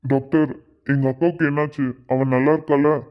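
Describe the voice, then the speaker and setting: A kind, protective middle-aged uncle in a cartoon, played by a man with a slightly high voice. He talks in a soothing, reassuring way, on dull lo-fi audio. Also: fairly even intonation, normal speed, natural voice. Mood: worried. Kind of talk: Tamil cartoon voice acting.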